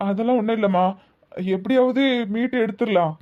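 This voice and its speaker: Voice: medium pitch, a little fast, narrow, tinny audio, close to an everyday voice. An actor voicing a drunk sorry husband with a Tirunelveli lilt. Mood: glum. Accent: Tirunelveli Tamil. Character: drunk middle-aged husband who lost family gold. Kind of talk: comedy cartoon voice acting.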